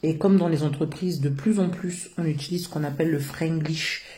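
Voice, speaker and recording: A woman's voice: deep voice, brisk, dark tone. A middle-aged woman from France answers interview questions about her work, earnest and hesitant, with many filler sounds. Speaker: founder of a social work business.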